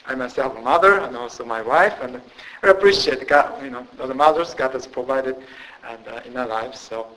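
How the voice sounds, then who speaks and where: A Japanese man with a Japanese accent, a missionary preaching a sermon in a church with halting, self-deprecating humor. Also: medium pitch, bright, forceful tone, low-quality recording.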